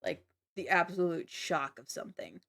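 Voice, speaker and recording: A woman's voice: fairly low pitch, animated, moderate pace, gravelly, fairly bright tone. A woman livestreamer chatting casually to viewers, with a giggly, apologetic and slightly nervous manner. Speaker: livestreamer, virtual avatar host.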